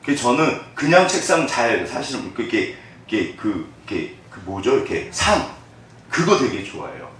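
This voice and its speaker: Animated male pastor preaching in an echoey hall. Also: on the low side, normal speed. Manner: conversational preaching, swinging between hushed and animated. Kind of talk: sermon. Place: church sanctuary. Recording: echoey church hall from far off.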